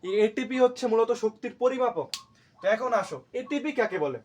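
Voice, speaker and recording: A man's voice: extremely high pitch, expressive, brisk, slight background noise. A male teacher giving a classroom lecture, asking questions and answering them himself and repeating key terms to drill them. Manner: asks and answers his own questions.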